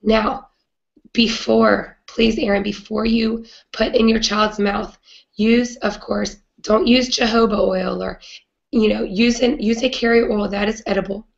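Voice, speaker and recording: A woman with a raspy, hoarse voice from a cold, hosting a live video chat in an earnest way with many "um" fillers. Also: mid-range voice, fairly even intonation, measured pace, lo-fi sound. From not British. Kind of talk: casual live-stream talk.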